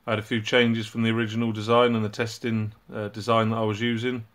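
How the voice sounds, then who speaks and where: A man hosting his own hobby channel, casually walking through a project and explaining it in a relaxed way with frequent ums and uhs. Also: on the low side, fast. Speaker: robotics hobbyist channel host.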